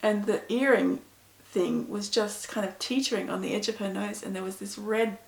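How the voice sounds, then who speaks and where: A middle-aged Pakistani author chats casually to camera, answering reader questions with self-deprecating stories. Her medium-pitched voice is gravelly and a little mellow at normal speed, in an echoey room.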